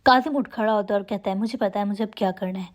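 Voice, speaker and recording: A young woman telling the plot of a drama episode as a steady storytelling recap, reading the characters' lines in her own voice. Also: medium pitch.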